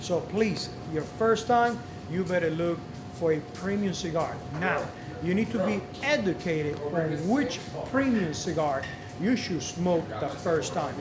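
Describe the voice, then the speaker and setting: In a cigar shop, a man who isn't a native English speaker runs a live cigar lesson, coaching patiently and repeating the key points. His voice sits high and sounds animated at a measured pace. The echoey room carries crowd chatter and background music.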